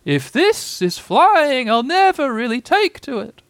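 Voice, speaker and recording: Squeaky, high-pitched, indignant little Piglet. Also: male voice, very animated, a little slow, a bit bright, dry recording, full character voice. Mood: jerky fright. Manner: squeaky, spluttering, protesting. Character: small, anxious, indignant piglet storybook animal.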